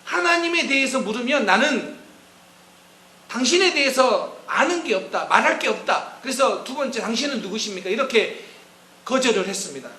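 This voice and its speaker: A middle-aged male pastor delivers a sermon in a high, bright voice that carries through a reverberant church sanctuary. Faint room noise sits under his speech. He tells his stories plainly and then lifts his voice when he stresses a point or acts out a quote. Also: very animated, moderate pace. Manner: storytelling, rises in pitch and force when quoting or stressing points.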